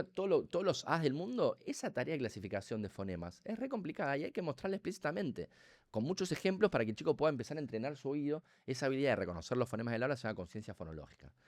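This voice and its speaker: A middle-aged Argentine man with a Rioplatense accent, explaining as a neuroscientist guest in a casual podcast, talkative and animated, acting out quotes and sound effects. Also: mid-range voice. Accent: Rioplatense Spanish.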